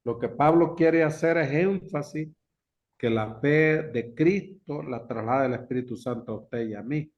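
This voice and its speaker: A pastor teaching a Bible class, speaking slowly and emphatically and repeating key words. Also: male voice, mid-range voice. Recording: dull lo-fi recording.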